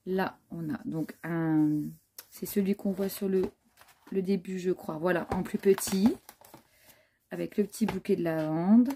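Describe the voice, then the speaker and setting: In this casual show-and-tell, a woman vlogger presents her handmade scrapbook album, full of fillers and admiring comments. Her voice is lowish and dark, her pace unhurried, and there's a slight hiss or hum.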